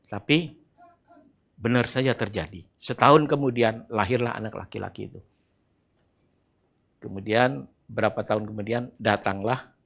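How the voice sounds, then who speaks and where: A middle-aged man with an Indonesian accent preaching a sermon, telling the story in a lively way and breaking into acted voices. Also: fairly low pitch, moderate pace, creaky, long pauses, highs cut off. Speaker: church elder preaching.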